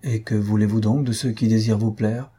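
A man's voice: fairly low pitch, fairly even intonation, brisk, warm tone, husky. A man voicing a gallant young count, courteous and eager.

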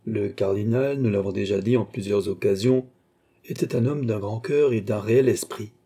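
A man reading classic novel narration in a measured, even manner. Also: on the low side, breathy edge. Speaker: audiobook narrator. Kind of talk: scripted narration.

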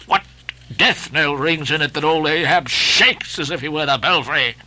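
A man's voice: fairly high pitch, moderate pace, sharp tone. A man voicing an obsessed old sea captain who barks orders in grandiose, archaic speech. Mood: commanding. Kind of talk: dramatic audiobook reading.

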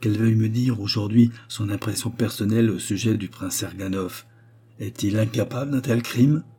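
A man voicing a humble, secretive old man who speaks gravely and with respect. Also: lowish voice, fairly even intonation, normal speed, mellow.

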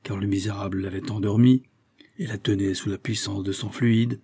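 Husky low-voiced male narrator. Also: steady tone, moderate pace, warm tone. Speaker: audiobook narrator. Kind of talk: scripted narration.

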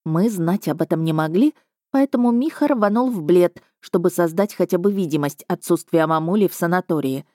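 A woman narrating an audiobook in an expressive, ironic first-person reading. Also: lowish voice, normal speed, dry recording, studio quality.

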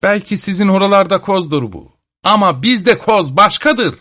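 A man's voice: sits high, animated, moderate pace, sharp tone, pitched above the performer's own voice, heavily acted. Sneering old witch, as a male narrator puts her on. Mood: mocking. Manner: mocking, sneering. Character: sly spiteful old witch woman. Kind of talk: storybook reading.

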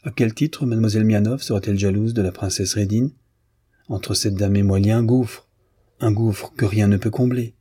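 Un homme lisant à voix haute qui prête sa voix à une jeune femme fière, au ton cinglant et dédaigneux. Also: male voice, lowish voice, moderate pace, warm tone, breathy edge. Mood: scornful. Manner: cutting, disdainful. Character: proud young woman, scornful and calm.

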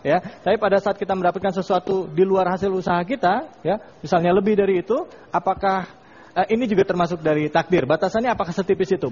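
Indonesian man, talk show host, quick pace, raspy fairly high voice, slightly muffled audio. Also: a little mellow. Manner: repeated "ya" tags while talking.

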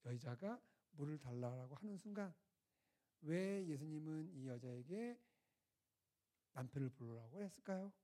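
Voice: mid-range voice, lively intonation, normal speed, long pauses, warm tone. A preacher at a winter retreat, retelling a scripture story in a conversational way and putting rhetorical questions to the audience. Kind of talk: storytelling sermon.

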